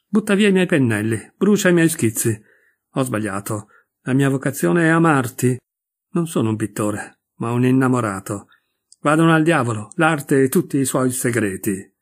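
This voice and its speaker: A man's voice: mid-range voice, animated, moderate pace, lightly acted. A man as an impassioned young painter. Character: young male painter, passionate and torn.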